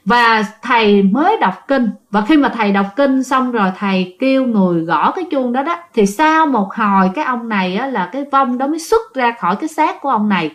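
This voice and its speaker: A woman telling a ghost story in casual narration, chatty and addressing listeners directly. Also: fairly high pitch.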